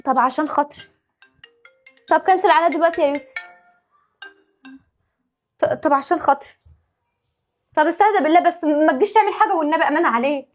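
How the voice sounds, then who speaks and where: Over faint background music, a high-pitched woman with an Egyptian accent gives a lightly acted performance as a harried young wife and mother. In this home-video family sketch, her quick speech sounds pleading and fed up.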